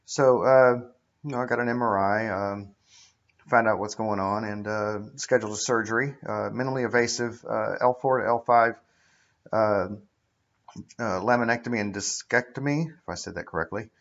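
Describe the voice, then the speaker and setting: A middle-aged man giving a casual, explanatory account as a patient, speaking in a halting, matter-of-fact way into a webcam indoors. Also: on the low side, fairly bright tone. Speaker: patient recounting his own surgery. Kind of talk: casual explanatory vlog monologue. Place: indoors, living room with high ceiling. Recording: dull lo-fi webcam audio.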